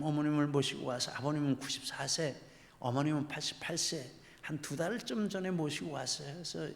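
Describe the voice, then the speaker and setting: Korean pastor preaching in a reverberant church. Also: male voice, on the high side. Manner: emphatic storytelling with rhetorical questions. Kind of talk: sermon. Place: church sanctuary.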